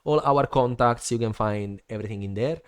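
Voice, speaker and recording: A man's voice: mid-range voice, fairly quick, clear, resonant tone. A man with an Italian accent co-hosting a casual podcast from a home studio, rambling and teasing with frequent laughs. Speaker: podcast co-host. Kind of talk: casual chat.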